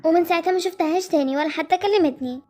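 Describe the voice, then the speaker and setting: Woman doing a blunt but friendly girl boarder, egyptian accent, high and fast. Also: a little mellow, faint music behind. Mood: wary. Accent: Egyptian Arabic. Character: friendly girl boarder, wary, long abandoned.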